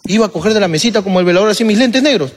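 A young man telling a story in casual chat, profane and animated, acting out scenes. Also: sits high, rapid-fire. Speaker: podcast co-host telling a story.

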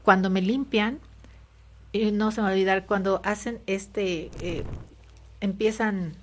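A woman's voice: mid-range voice, measured pace. A Mexican woman telling a personal story in an interview, hesitant and full of fillers and tag questions. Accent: Mexican Spanish. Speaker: interview guest.

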